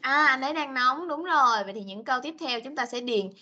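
A woman teaching English to young children over a video call, speaking, patient and coaxing, mixing with slow English. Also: high-pitched, bright, forceful tone, lo-fi sound. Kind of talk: online class for young children.

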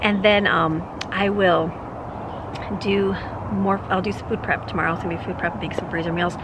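A family vlogger in her forties, speaking in a lowish, fairly even voice at a normal pace, chats casually through a grocery haul on a handheld camera, laughing often and rambling. She's outdoors on a porch after starting indoors at a kitchen counter, with heavy background noise throughout.

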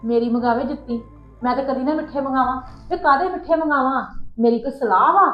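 A woman's voice: high voice, fast talker, muffled recording, faint music behind. A woman acting a quarrelsome mother-in-law in a family drama, scolding and complaining. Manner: scolding, complaining, sharp-tongued.

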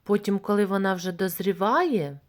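A woman reading a fairy tale to children in a gentle, expressive way, then asking them questions about it like a teacher. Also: medium pitch, moderate pace.

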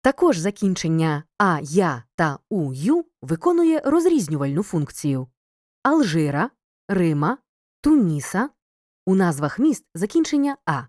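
A woman reading a scripted grammar lesson as a teacher, clear and measured, pausing between listed words. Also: lowish voice, big pitch swings, a little mellow, no room sound, studio quality. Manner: clear, measured, reads word lists with pauses. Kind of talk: scripted educational narration.

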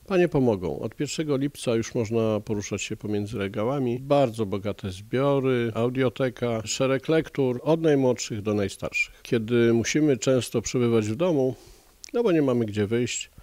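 A man's voice: mid-range voice, darkish tone, no echo. A man in his sixties, a local official, earnestly encouraging people to use the library, speaking into a handheld mic. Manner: earnest, encouraging appeal with pauses. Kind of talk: on-camera interview. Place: library among bookshelves. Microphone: handheld reporter mic.

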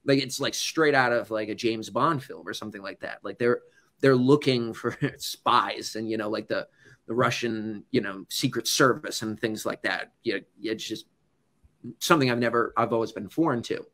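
Chatty American correspondent telling stories. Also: male voice, fairly low pitch, moderate pace, fairly bright tone. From United States. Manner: loose and conversational, full of "like" and "you know". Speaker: news correspondent. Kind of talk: casual storytelling talk to an audience.

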